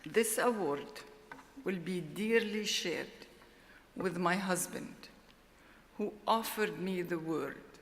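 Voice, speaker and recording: Slow, deliberate woman in reverberant hall. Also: fairly low pitch, a little hiss or hum. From Lebanon. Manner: slow, deliberate, heartfelt delivery. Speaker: award laureate. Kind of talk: formal acceptance speech. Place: large ceremony hall.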